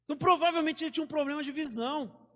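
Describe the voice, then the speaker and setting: A man's voice: extremely high pitch, very fast, a bit bright, big-room sound. A man with a Brazilian Portuguese accent preaching a sermon as pastor, talking in a conversational way with stories and casual slang. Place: church sanctuary.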